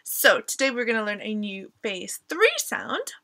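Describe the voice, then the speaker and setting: A young woman teaches phonics to small children in a high, bright voice. Her intonation is exaggerated and cartoon-like, swooping widely. She takes her time and sounds out words clearly. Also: big pitch swings, a little slow. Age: young adult. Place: small attic bedroom at home.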